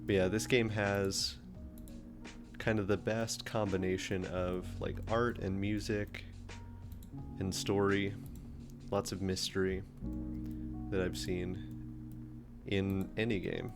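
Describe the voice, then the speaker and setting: A man with a fairly low voice talks in an unhurried, easygoing way as he streams live, thinking aloud and dropping ums as he works. Music plays clearly in the background. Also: little pitch movement. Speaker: streamer and engineering teacher. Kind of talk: casual live stream chat while modeling in CAD.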